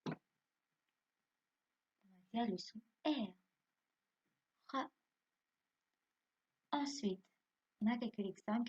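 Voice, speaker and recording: Female primary teacher at home, slow and patient, husky voice, dull lo-fi sound. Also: mid-range voice, a little mellow. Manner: slow and patient, quizzing pupils then answering herself. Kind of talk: phonics lesson, spelling words letter by letter.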